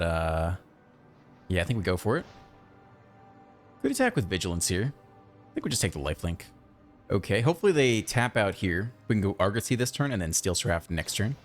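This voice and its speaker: A man giving casual, chatty commentary over his own card game, thinking aloud and breaking into excited outbursts. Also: sits low. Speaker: gaming channel host.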